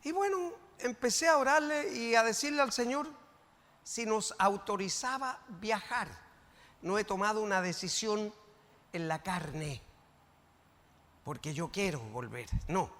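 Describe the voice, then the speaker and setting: An older man with a Chilean accent preaching a sermon in church, swinging from quiet teaching to shouted emphasis. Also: sits high, a little slow, long reverb tail. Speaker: pastor. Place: church sanctuary.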